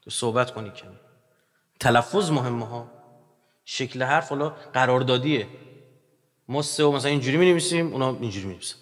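A man giving a religious lecture in an animated, joking manner, his voice rising loud and dropping quiet. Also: medium pitch, long pauses. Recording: long hall reverb.

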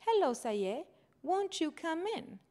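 A woman voicing a shy immigrant mother learning English, speaking slowly and carefully in halting phrases. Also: extremely high pitch, very animated, warm tone, voice pushed up, exaggerated voice.

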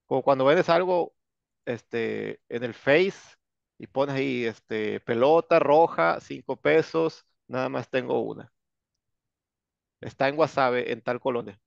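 A man's voice: medium pitch, takes it slowly, vocal fry, pauses often, no echo. A man with a Mexican accent teaching an English class online, joking and sarcastic, with plenty of slang. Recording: dull lo-fi sound.

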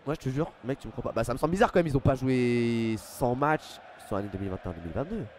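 A man's voice: mid-range voice, lively intonation, fast talker, darkish tone, a little hiss or hum. A young man hosting a live football stream from home on a headset mic, chatting casually with many fillers and thanking viewers by name. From France. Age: young adult. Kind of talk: live pre-match football commentary and chat reading. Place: small home room at a desk. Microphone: headset microphone.

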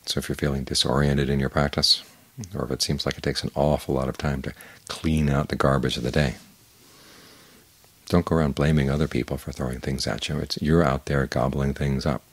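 An older man, a Buddhist monk, giving a calm, measured evening Dhamma talk with unhurried pauses and a husky voice. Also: a bass voice, no room sound.

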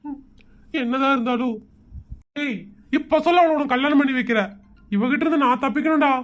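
A man with a fairly high voice. He mutters sarcastic, grumbling asides and mocks everyone around him in a comedy sketch. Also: a little fast.

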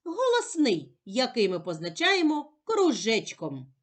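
Ukrainian-accented woman teaching little kids phonics, super slow and singsongy, over-enunciates every sound. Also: fairly high pitch, wildly swooping pitch. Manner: gentle, sing-song teacherly, over-enunciated. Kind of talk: slow, clear phonics lesson for young children.

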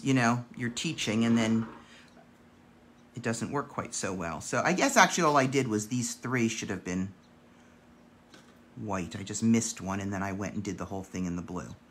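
A man with a gravelly voice, chatting and counting aloud as he demonstrates a painting craft. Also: mid-range voice, animated, a little slow, long pauses, a bit bright, a little hiss or hum. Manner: chatty, counts dots aloud while working. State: gravelly voice today. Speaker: craft instructor.

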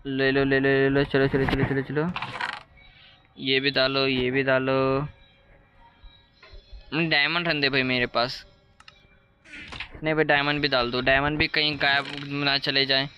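A man casually commenting live on his gameplay, chatting with viewers and repeating words in rapid strings. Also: medium pitch, flat delivery, muffled recording, music in the background. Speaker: streamer. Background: faint ambient noise.

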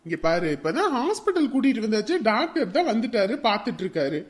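A woman's voice: a little high, sing-song, quick pace. An actress playing a caring village mother-in-law who soothes and coaxes a crying young woman. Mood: soothing.

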